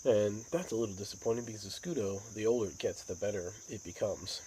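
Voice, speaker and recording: American male hobby vlogger, lowish voice, unhurried rambling chat, crickets and outdoor noise behind. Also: warm tone, poor audio. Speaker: pipe tobacco vlogger. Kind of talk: casual rambling monologue.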